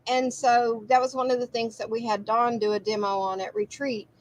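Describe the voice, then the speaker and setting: A woman's voice: a little high, little pitch movement, moderate pace, poor audio. Chatty woman hosting a quilt shop livestream. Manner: chatty, rambling, with frequent restarts and laughs. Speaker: host of a live quilt shop sale. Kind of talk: casual live-stream chat.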